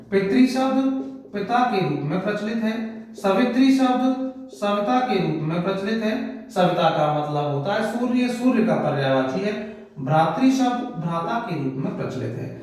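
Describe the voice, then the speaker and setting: Lively, high-pitched male teacher in echoey room. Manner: explains step by step, poses and answers questions. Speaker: Hindi teacher. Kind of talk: grammar lesson. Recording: very echoey room, mic far off.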